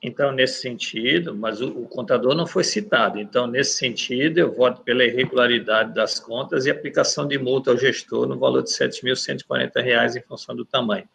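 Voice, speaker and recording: A man's voice: medium pitch, brisk, vocal fry, hardly any pauses, fairly bright tone. A man, a councilor, explaining his reasoning and casting a formal spoken vote in a virtual session over a video call. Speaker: councilor of an audit court.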